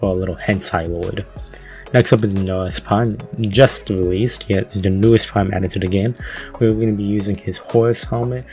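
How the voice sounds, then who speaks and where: A man narrates gameplay in a relaxed, offhand voice-over, his voice sitting a little low. He drifts through fillers and the occasional swear as he goes. Quiet music runs faintly underneath. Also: normal speed. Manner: laid-back, loose, with frequent fillers and the odd swear. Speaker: gaming video creator. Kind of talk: casual voice-over walkthrough.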